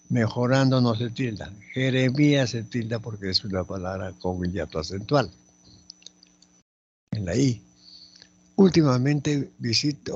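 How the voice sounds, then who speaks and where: A man teaching a spelling lesson, slowly and methodically going through each word and repeating it aloud. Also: on the low side, husky, muffled recording. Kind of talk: spelling lesson, explaining accent marks.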